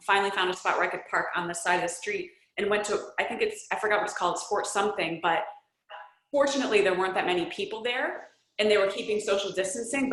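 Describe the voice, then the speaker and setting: A woman's voice: mid-range voice, fairly bright tone, reverberant, poor audio. A woman chatting on a group video call, speaking in an earnest, thoughtful way.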